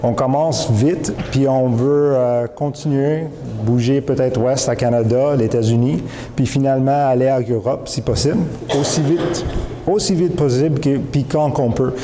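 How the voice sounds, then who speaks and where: Quebec French man pitching in an echoey hall. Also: normal speed, noisy background. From Montreal, Quebec. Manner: informal pitch with many fillers and restarts, mixing English terms. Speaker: company founder. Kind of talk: spoken product pitch. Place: event hall. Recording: echoey hall with faint ambience.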